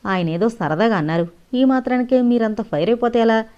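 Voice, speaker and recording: A woman voicing a calm, reasonable man who speaks in a soothing way, in an audio novel. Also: a little high, brisk, pitched above the performer's own voice, natural voice. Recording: dull lo-fi audio.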